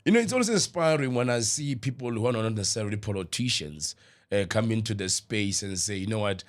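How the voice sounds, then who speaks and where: Low-voiced male podcast host. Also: lively intonation, quick pace. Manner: frequent murmured agreement while guest talks. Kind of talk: conversational interview.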